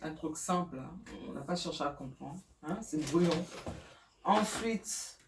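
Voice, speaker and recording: A woman's voice: low voice, measured pace, echoey room, recorded from a distance, slight background noise. A middle-aged mother chatting casually through her child's school supplies, hesitant with many fillers and laughing at herself. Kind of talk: casual home vlog.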